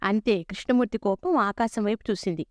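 A woman narrating a story in a steady, expressive reading voice. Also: mid-range voice, brisk, no echo, clean studio sound.

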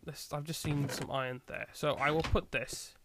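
A man's voice: a little high, steady tone, moderate pace, a bit bright, a little hiss or hum. A man chatting casually as he co-hosts a gaming video, bantering in an exasperated, sweary way. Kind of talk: casual chat while playing Minecraft.

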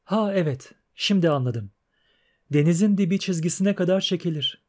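A man reading the part of a learned young female poet, explaining things in an even, plain manner. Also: high-pitched, moderate pace. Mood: patient.

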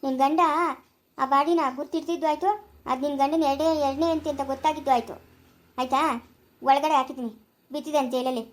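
A woman's voice: high-pitched, steady tone, quick pace, pauses often, lightly acted. A woman playing a harsh female police officer who scolds and threatens, in an amateur family drama. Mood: scolding.

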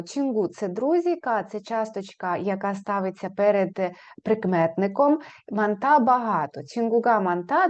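A woman teaching a beginners' language lesson, pronouncing example words slowly and clearly and repeating them for her students. Her voice sits a little high. The audio is slightly dull and lo-fi. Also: a little mellow.

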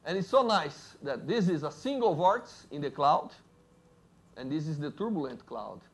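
A man with a Brazilian Portuguese accent, a native Portuguese speaker, giving a lively university physics lecture and joking with the audience. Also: on the high side, moderate pace, breathy edge. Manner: lively, jokes with audience, asks "right?".

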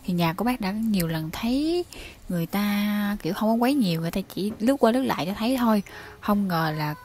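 A young woman tells ghost stories sent in by listeners, in a casual, conversational storytelling voice. She speaks right to her audience and briefly acts out what the people in the stories said. Her pitch sits in an ordinary middle range. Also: lively intonation, fast, darkish tone, a little hiss or hum. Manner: chatty, addresses listeners directly, acts out quoted lines.

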